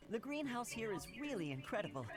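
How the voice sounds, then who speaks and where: A woman voicing an earnest young student in a fantasy video game, in quiet game audio. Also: fairly high pitch, very animated, quick pace. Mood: earnest, admiring. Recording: quiet game audio under loud music.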